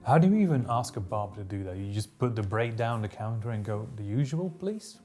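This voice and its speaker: A man's voice: fairly low pitch, fast, mellow, soft background music. A man hosting a comedic history show, reading old diary passages aloud and breaking in with wry, joking asides. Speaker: history podcast host.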